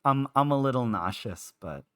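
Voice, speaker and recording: A man's voice: medium pitch, lively intonation, normal speed, a bit bright, smooth, no room sound, studio quality. A man streaming live, chatting casually while feeling sick, rambling with lots of filler words. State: unwell and queasy.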